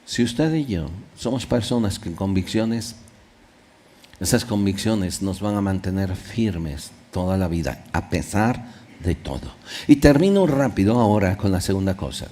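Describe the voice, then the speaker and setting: A male pastor preaching a sermon in a church, reading Bible verses aloud and explaining them, with sudden loud rises and soft drops. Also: deep voice, expressive, a little slow.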